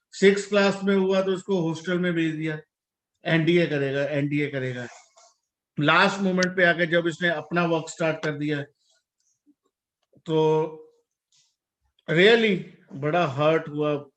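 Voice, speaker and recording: A man in his forties from India, appearing as a parent guest, speaks earnestly and reflectively in a casual talk, mixing English words into his speech. His voice is a little high, and the room sounds echoey.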